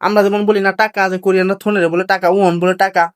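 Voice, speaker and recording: A Korean language teacher, giving an online lesson. The teacher explains slowly and patiently, asks each point back as a question and then answers it. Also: medium pitch, level tone, clean tone. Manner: slow, patient, drilling explanation.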